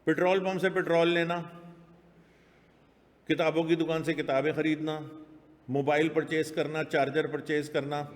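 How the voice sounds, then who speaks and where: A man with a Pakistani accent lecturing a classroom on law, emphatic and repeating key phrases for students to echo. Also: a little high. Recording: long-reverb classroom hall.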